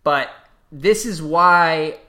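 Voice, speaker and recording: Young male podcast co-host, bright and forceful, casual and self-mocking. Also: a little high, very slow. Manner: self-deprecating storyteller, laughs often.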